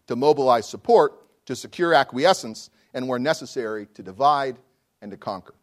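Guy doing a scholarly law lecture, reading it out, very formal and erudite, careful deliberate phrasing. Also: mid-range voice. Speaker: law professor giving a lecture. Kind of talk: formal academic lecture, read from a prepared text.

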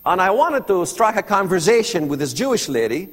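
A native Arabic speaker from the Palestinian territories tells an audience his personal story as testimony, earnest and heavy on rhetorical questions. His high-sitting, fairly bright voice is sing-song and brisk, heard with a big-room sound.

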